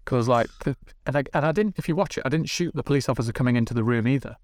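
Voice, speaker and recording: A man, a TV director, telling animated casual stories on a podcast, swearing and acting out what people said. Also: medium pitch, racing, no echo, clean studio sound. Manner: animated, swearing, acts out dialogue. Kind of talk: casual storytelling. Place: podcast studio.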